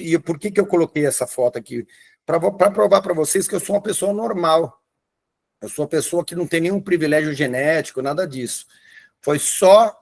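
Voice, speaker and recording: Homem de cinquenta e poucos, voz um pouco aguda. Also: male voice, a little high. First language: Portuguese. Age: 50s. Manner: enthusiastic, hesitant restarts, showing photos. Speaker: fitness coach. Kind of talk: live online class.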